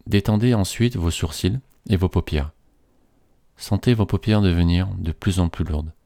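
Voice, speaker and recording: A man slowly reading a guided relaxation script in a soothing, measured way. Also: low-pitched, warm tone, no echo.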